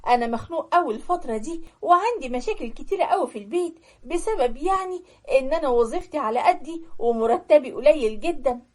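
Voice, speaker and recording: A woman's voice: high voice, expressive, fast talker. A woman voicing a stern, jealous young husband with an Egyptian accent, harsh and commanding in a cartoon story. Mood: earnest. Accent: Egyptian Arabic.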